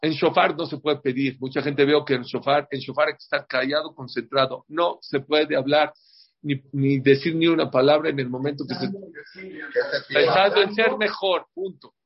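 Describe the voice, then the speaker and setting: His voice a little high, a man teaches a group at a moderate pace with fairly even intonation in a religious class before a holiday. He speaks emphatically, repeats himself, and checks in with "ok?" again and again, all on a dull lo-fi recording.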